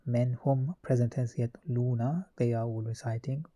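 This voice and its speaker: A man's voice: medium pitch, normal speed. A man teaching a grammar lesson, methodically reciting verb conjugations one form after another. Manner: methodical, reciting verb forms in a steady list.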